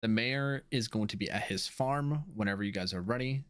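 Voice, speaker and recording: A man's voice: lowish voice, moderate pace, a bit bright, smooth, dry recording. A man running a tabletop game as game master, narrating casually with lots of fillers.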